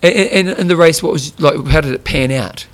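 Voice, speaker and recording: A man's voice: a little high, normal speed, a bit bright. A man doing a casual sports interview, asking informal, curious questions in a chatty way.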